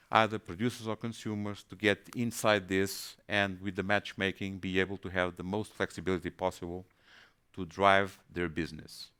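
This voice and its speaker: A man from Portugal, giving a webinar presentation, pausing and repeating words as he thinks. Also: fairly low pitch, a bit bright, clean tone. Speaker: panelist.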